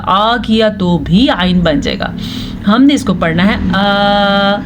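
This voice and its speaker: A woman with a somewhat high voice teaches Quran recitation rules step by step, patiently explaining and correcting common mistakes. After explaining each rule, she recites verses slowly and drawn out. A slight hiss or hum is audible.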